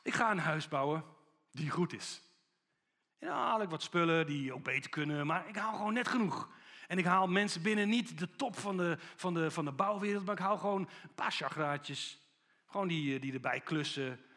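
A man's voice: a little high, fairly bright tone. A man voicing a sly builder who cuts corners in an offhand way. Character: sly corner-cutting builder pocketing money.

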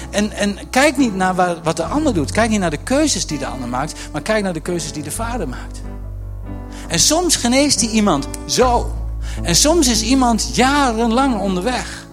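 A man preaching a lively sermon, acting out quotes and joking with the congregation. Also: high-pitched, normal speed, over music. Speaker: pastor.

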